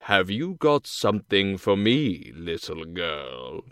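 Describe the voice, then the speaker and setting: A man voicing a sly, hungry male wolf in a storybook reading, speaking slowly and low. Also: very animated, fairly bright tone, smooth, no echo, full character voice. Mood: sly, menacing. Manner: slow, low, drawn-out scheming voice.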